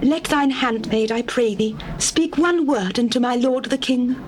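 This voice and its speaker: A woman's voice: on the high side, unhurried, slight background noise, close to an everyday voice. An actress playing a pleading widow before a king in a dramatized scripture recording, speaking in formal, theatrical, archaic phrases. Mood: humble entreaty.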